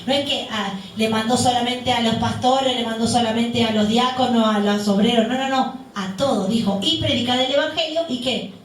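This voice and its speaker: A woman's voice: fairly high pitch, moderate pace, slight background noise. A woman deaconess preaching a sermon, often asking the congregation questions and answering them herself. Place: church hall. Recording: very echoey hall, voice picked up from a distance.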